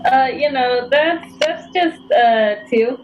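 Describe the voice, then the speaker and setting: A woman's voice: sits high, slow, lo-fi sound, a little hiss or hum. A woman player in a tabletop game, chatting casually with a giggly, playful manner.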